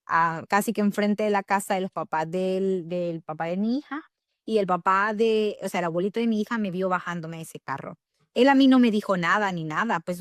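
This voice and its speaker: A woman's voice: medium pitch, no echo, clean studio sound. Candid Salvadoran woman telling her story. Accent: Salvadoran Spanish. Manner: candid, animated storytelling with frequent fillers and self-corrections. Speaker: podcast guest. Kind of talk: personal storytelling in an interview.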